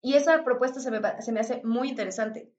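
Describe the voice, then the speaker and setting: Mexican woman talking it out, kinda high voice, emphatic, muffled lo-fi audio. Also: a little fast, darkish tone. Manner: emphatic, frequent fillers and laughs. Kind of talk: casual discussion. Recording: dull lo-fi sound.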